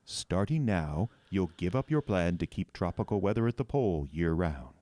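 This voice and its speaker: A man playing a kindly old Santa with a commanding, deliberate way of speaking in an audio drama. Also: sits low, expressive, warm tone, dry recording, clean studio sound. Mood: firm, hypnotic. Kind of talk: comedic audio drama acting.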